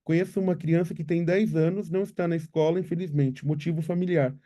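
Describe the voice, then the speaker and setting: A man's voice: fairly high pitch, fairly even intonation, fast talker, dark tone. A man with a Brazilian Portuguese accent, a literacy researcher answering viewer questions in a live webinar, explaining patiently and ending points with tag questions.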